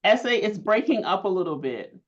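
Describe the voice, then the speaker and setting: A woman's voice: mid-range voice, big pitch swings, fairly quick. A woman hosting a webinar over a video call, upbeat, with frequent um fillers. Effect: heard over a video call. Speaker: webinar host. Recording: dull, lo-fi call audio.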